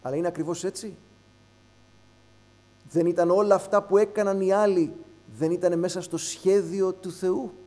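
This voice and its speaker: A man preaching a sermon, switching between hushed low phrases and raised emphatic ones. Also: steady tone, long pauses. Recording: long hall reverb with mains hum.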